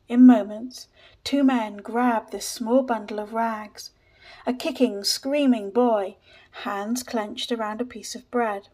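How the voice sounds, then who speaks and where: Woman narrator, storybook reading, measured delivery, slightly high pitch. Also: fairly even intonation, dark tone.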